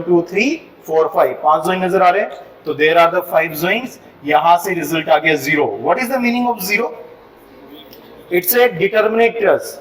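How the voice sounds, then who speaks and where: A man's voice: sits high, recorded from a distance, slight background noise. Indian man lecturing in an echoey classroom. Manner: mixes Hindi and English, asks the class frequent checking questions. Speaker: civil engineering teacher.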